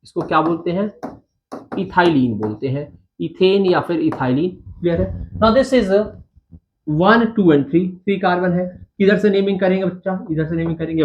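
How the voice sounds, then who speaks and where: Man teaching chemistry, fairly high voice, asks and answers his own questions, counts carbons slowly, dull lo-fi sound. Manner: addresses students as "bachcha" and "babu", asks and answers own questions. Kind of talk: Hindi-English lecture. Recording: dull lo-fi sound with faint noise.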